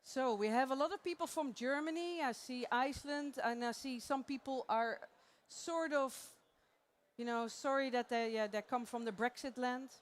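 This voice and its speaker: A high-voiced woman from the Netherlands, speaking at normal speed with a Dutch accent, delivers a live conference talk on stage. She's a conference presenter who keeps things chatty and playful, laughing often.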